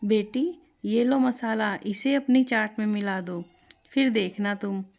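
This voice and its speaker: A woman voicing a kind, mysterious old woman in a storybook tale, speaking gently and motherly. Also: medium pitch, slow pace, vocal fry. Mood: gentle.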